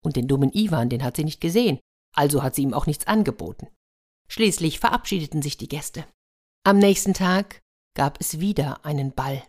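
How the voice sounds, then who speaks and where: A woman narrating a fairy tale for an audiobook in a lively way, speaking to her listeners. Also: sits low, a little fast. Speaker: storyteller.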